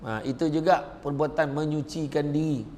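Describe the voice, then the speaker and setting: A man's voice: fairly high pitch, fairly even intonation, normal speed, darkish tone, big-room sound. A man with a Malaysian Malay accent giving a humorous religious lecture in a mosque, switching between storytelling, acted voices and chanted recitation. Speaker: preacher. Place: mosque hall.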